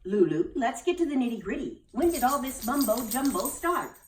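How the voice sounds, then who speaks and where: A woman voicing a calm, knowing female school nurse with a measured, matter-of-fact manner. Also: fairly high pitch, distant mic, pitched above the performer's own voice. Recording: roomy, from off the mic.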